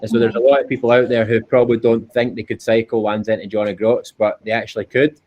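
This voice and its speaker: Fast-talking and flat in delivery, with a medium-pitched voice, a Scottish endurance cyclist chats informally as an interview guest. He's earnest and often repeats himself, and the call recording sounds dull and lo-fi.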